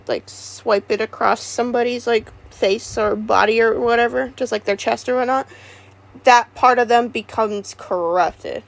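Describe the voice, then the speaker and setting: A woman streamer in casual livestream chat, rambling and halting with many restarts. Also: on the high side.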